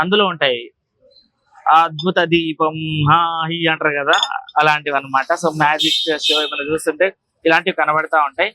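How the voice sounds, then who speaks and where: Poor audio captures a man with a fairly high, pushed, bright voice hosting a market tour vlog. Talking directly to viewers in a casual, explanatory way as he walks, he repeats filler tags often.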